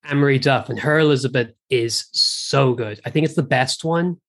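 An Irish man speaks as a podcast guest in a casual film chat. His pitch is middling and his talk is informal, peppered with "like". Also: moderate pace, a bit bright. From Ireland.

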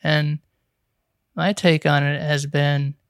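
A man's voice: a little high, little pitch movement, slow pace, clean tone, dry recording, studio quality. A man hosting a podcast, easygoing and steering the conversation toward his guest. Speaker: podcast host. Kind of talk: casual podcast chat.

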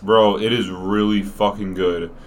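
A man's voice: on the low side, fairly even intonation, a little slow. A young American man co-hosting a casual podcast, chatting in bro slang with casual swearing. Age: young adult. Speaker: podcast co-host. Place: small podcast room. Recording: noisy room with background ambience.

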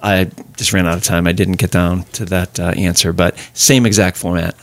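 A man's voice: low-pitched, flat delivery, normal speed, no room sound. A man hosting a podcast, chatting in an easygoing, storytelling way. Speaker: podcast host. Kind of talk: casual podcast chat.

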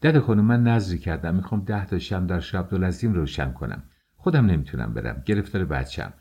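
A man voicing a calm scheming young wife. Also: low voice, breathy edge, exaggerated voice. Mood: firm. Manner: firm, coaxing. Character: scheming young married woman, calm and in control.

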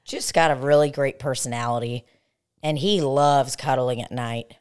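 A woman's voice: a bass voice, fairly even intonation, moderate pace, darkish tone, smooth. A young woman co-hosting a podcast in casual, crude, joking chat from a hotel room, swearing freely. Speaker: podcast co-host.

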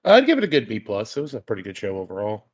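A man's voice: on the low side, huge pitch swings, racing, no echo. A man co-hosting a casual wrestling podcast, making crude mocking jokes. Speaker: podcast co-host.

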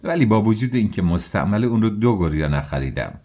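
A man's voice: lowish voice, expressive, mellow. A man voicing an eager, chatty young friend. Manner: eager, talkative, coaxing. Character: cheerful fussing young male friend.

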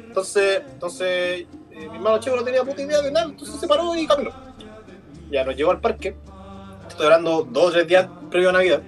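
Man, high voice, casual crude storytelling, faint music. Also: sing-song, fast talker. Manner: crude, slangy anecdote telling.

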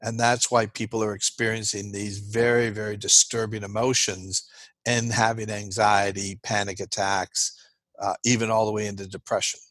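A man's voice: lowish voice, a bit bright, no room sound. A man giving an interview as a guest expert, explaining earnestly and checking in with "right?" as he goes.

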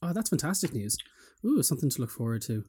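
A man's voice: mid-range voice, big pitch swings, fast talker, mellow, husky. A young man with an Irish accent, interviewing in an informal, jokey, chatty way. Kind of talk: casual interview chat.

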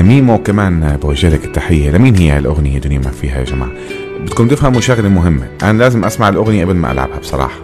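A low-voiced man with a Levantine Arabic accent chats quickly to his live-stream viewers over music. He often stops, repeats a word and picks up again. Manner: halting, repeats himself, addresses viewers directly.

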